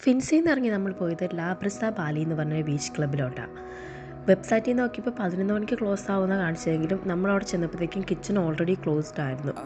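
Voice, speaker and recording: A woman's voice: on the low side, quick pace, over music. A woman gives casual travel vlog narration as a vlogger.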